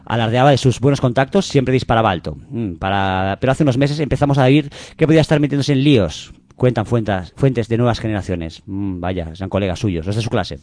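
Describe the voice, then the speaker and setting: A man co-hosting a comedy radio show, reading out a news story with quick, sardonic, deadpan asides. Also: lowish voice, dry recording.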